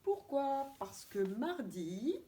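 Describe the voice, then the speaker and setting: A woman kindergarten teacher with a French accent giving a remote lesson to young children, spelling out letters and syllables slowly and clearly. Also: sits high, big pitch swings. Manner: slow, deliberate, stretching out syllables and letters. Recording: distant mic with faint background noise.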